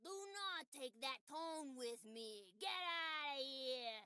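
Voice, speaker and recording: A woman's voice: sits high, lively intonation, takes it slowly, sharp tone, no room sound, clean studio sound, full character voice. A woman playing an exasperated, bossy female cat henchwoman in a cartoon game, snappish and put-upon. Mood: irritated.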